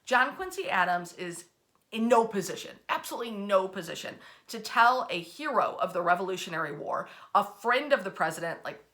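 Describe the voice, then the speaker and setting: The host and storyteller of a history series, this woman recounts the past in a bright, crisp-edged voice of average pitch. Brisk, animated and informal, she stresses words for drama and drops in wry, colloquial asides.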